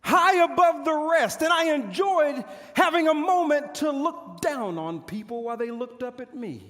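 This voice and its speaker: An extremely high-pitched male voice fills a large church hall stage as a pastor plays a proud, boastful and bitter army commander from ancient Israel's time in a theatrical monologue for an audience. His declamation is pompous and very animated, with dramatic pauses and a boastful mood, and the hall's long reverb carries every word.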